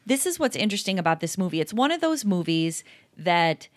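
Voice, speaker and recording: Woman co-hosting, lowish dry voice. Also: very animated, fairly quick, no room sound. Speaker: co-host. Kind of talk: casual chat.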